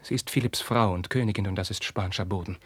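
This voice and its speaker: An actor playing an anguished young prince, declaiming verse in a 1950s radio drama and swinging from hushed whispers to outbursts. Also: male voice, low voice, fast, slightly rough, no echo. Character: young anguished prince, passionate, tormented by forbidden love.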